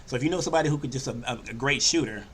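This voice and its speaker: An older man hosting a sports podcast, talking casually and loosely, often slipping into animated quoted voices. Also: medium pitch, very fast, slight background noise. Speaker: podcast host. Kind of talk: casual sports talk monologue.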